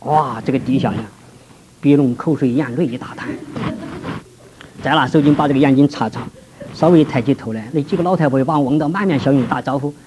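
A man preaching a personal testimony, telling his story vividly and swinging between hushed and raised passages. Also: medium pitch, quick pace, lo-fi sound, a little hiss or hum. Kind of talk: testimony sermon.

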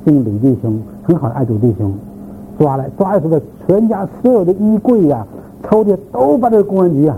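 Man lecturer, somewhat high voice, loose rambling delivery with fillers and asides to the class; thin lo-fi sound with a faint hiss behind. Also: expressive, fairly quick. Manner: rambling, repeats words, frequent filler particles, asks listeners questions. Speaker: lecturer on church history. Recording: tinny phone-like sound, faint background noise.

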